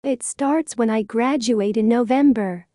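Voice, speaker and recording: A woman with a fairly high voice reads a short first-person story in plain, measured sentences. Her delivery stays even and simple. The sound is close and dry. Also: no echo. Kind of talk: slow read-aloud example story.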